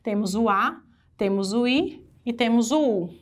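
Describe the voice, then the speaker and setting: Lively Brazilian woman teaching grammar. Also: a little high, unhurried. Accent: Brazilian Portuguese. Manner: lively, asks the class questions. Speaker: Portuguese-language teacher. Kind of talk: exam-prep grammar lesson.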